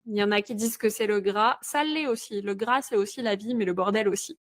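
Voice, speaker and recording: A woman's voice: medium pitch, a little fast, no room sound. Upbeat woman podcast host, dry sound. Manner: warm, enthusiastic, laughs along. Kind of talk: casual podcast interview.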